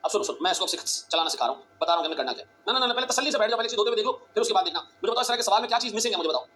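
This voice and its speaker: A male teacher giving a classroom lecture, talking fast and urgently, repeating phrases and quizzing his students. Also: high voice, animated, bright, forceful tone, slight background noise.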